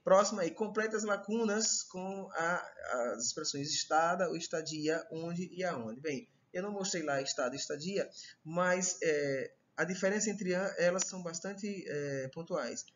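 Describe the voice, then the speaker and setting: A man's voice: fairly high pitch, animated, normal speed. Brazilian man teaching grammar, dull audio. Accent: Brazilian Portuguese. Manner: explanatory, repeats "tá?" and "certo?" checks. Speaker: Portuguese language teacher. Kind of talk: recorded online grammar lecture.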